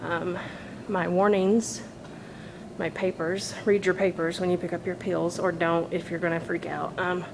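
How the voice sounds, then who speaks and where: This vlogger's voice is on the low side and creaky, delivered flatly and a little slowly as she chats casually to camera during her laps. She sounds slightly tired, and the phone recording has a noisy background.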